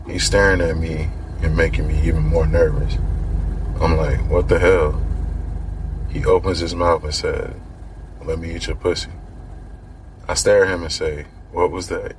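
A man with an extremely deep, low voice tells a story on his podcast. He talks casually and slangily, as if chatting with friends, and speaks the quoted lines in his own voice. A faint hiss sits under his voice. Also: rough recording. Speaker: podcast host. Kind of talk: casual first-person storytelling.

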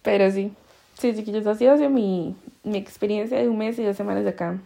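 A woman's voice: medium pitch, brisk, gravelly, mellow. A woman with a Costa Rican accent telling stories in a casual podcast chat, laughing often and using heavy slang. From Costa Rica. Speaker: podcast host.

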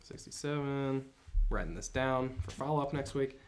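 A man's voice: medium pitch, normal speed, a little hiss or hum. A man in his twenties hosting a sports podcast, easygoing, laughing along and moving the segments along. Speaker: podcast host. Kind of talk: casual sports chat.

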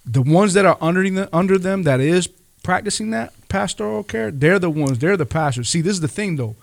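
A man's voice: high voice, expressive, brisk, vocal fry. A man talking earnestly in a casual discussion, repeating phrases for emphasis.

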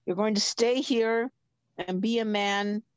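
A woman's voice: mid-range voice, fairly even intonation, unhurried, clear, resonant tone, no room sound, lightly acted. Woman role-playing a pushy, folksy older man. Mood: grumbling, insistent. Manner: insistent, folksy, rambling, repeats himself. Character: pushy, gleeful older man playing matchmaker, old-fashioned. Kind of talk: improvised story role-play.

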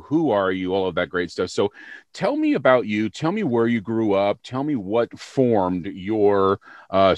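A man's voice: sits low, no room sound. A podcast host from the South, upbeat and joking as he interviews a guest. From Southern United States. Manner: upbeat, joking, self-promoting.

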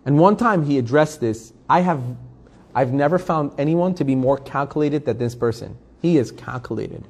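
A man's voice: mid-range voice, lively intonation, moderate pace, gravelly. A man, a rabbi, teaching an informal class, talking with animation, repeating phrases for emphasis and putting questions to his listeners. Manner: asks the listeners direct questions. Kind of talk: informal spoken class to a group.

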